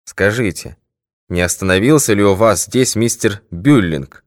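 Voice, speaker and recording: A male audiobook reader voicing a calm, confident middle-aged detective in a composed, measured tone. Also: lowish voice, no echo, studio quality, lightly acted. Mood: amiable. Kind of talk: audiobook character voice.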